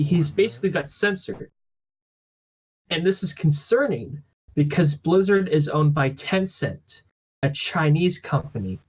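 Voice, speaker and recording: A man hosting a casual podcast, explaining things in a halting, rambling way. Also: a little high, slightly rough, low-quality recording. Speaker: podcast host.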